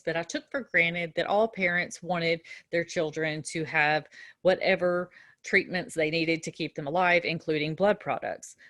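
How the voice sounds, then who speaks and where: Woman, middle-aged, nursing lecturer, conversational, lowish pitch. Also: fairly bright tone, no echo, clean studio sound. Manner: conversational, with frequent fillers and restarts. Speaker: nursing instructor. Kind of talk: recorded lecture with a personal story.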